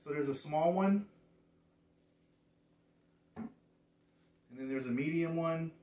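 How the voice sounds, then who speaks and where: A man's voice: on the high side, slow, darkish tone. A man in his thirties casually showing off thrift finds, rambling and restarting his phrases, in a living room filmed by a distant camera. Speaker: thrift reseller showing a haul. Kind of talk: casual show-and-tell. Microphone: far camera. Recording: echoey room, far from mic.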